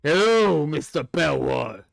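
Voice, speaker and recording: A man voicing an ancient skeletal revenant knight who speaks slowly and formally. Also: on the high side, animated, creaky, no echo, clean studio sound, soft background music, voice pushed down, heavily acted. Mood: courtly.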